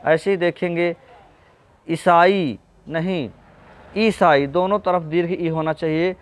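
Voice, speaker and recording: A man's voice: fairly high pitch, fairly even intonation, slow pace. A man teaching an exam-prep spelling lesson, patiently going through correct and incorrect word forms and addressing viewers as friends.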